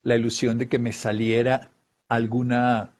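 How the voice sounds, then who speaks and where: Speaking unhurriedly in a mid-range, somewhat mellow monotone, a man who works as a wellness speaker explains emotions. He plays out short voiced examples, sometimes with a laugh.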